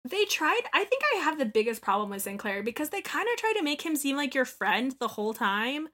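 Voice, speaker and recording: A woman in a casual conversation about a game, animated and quick to act out lines. Her voice sits a little high with a bright, forward tone. She swears freely as she talks.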